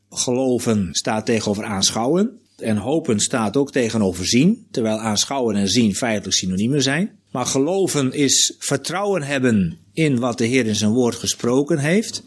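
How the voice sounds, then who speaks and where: Male Bible study leader: lively, expressive delivery; answers the group's questions patiently. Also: mid-range voice, husky. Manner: explains scripture verse by verse, checks with "hè?".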